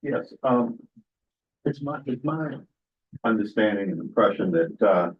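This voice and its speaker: Man, board member, deepish voice, hesitant questioner, dull recording. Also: animated, measured pace. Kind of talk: questioning at a public meeting.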